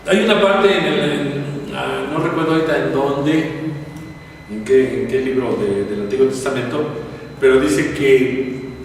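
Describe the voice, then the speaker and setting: A man's voice: medium pitch, measured pace. A man teaching scripture in a chatty way, often asking the audience rhetorical questions. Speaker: Bible teacher. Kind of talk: conversational Bible teaching. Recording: echoey hall from far off, faint hiss.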